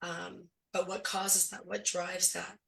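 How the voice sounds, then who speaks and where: A woman with a lowish, gravelly voice that is going hoarse, talking through her points in a casual, explanatory way. Her tone is bright, and she sounds a little distant from the mic. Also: flat delivery, takes it slowly. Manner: thoughtful, explanatory, many fillers. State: losing her voice. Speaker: school board candidate. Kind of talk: casual discussion.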